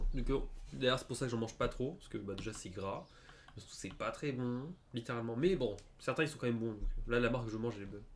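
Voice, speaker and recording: A young adult man from France with a French accent, chatting casually and hesitantly while streaming a game, with many fillers and restarts. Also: medium pitch. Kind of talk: casual gaming chat.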